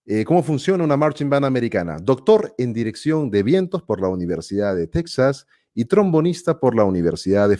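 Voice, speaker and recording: A man hosting a live-stream interview, enthusiastic and quick to exclaim in wonder. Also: medium pitch, dark tone. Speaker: host.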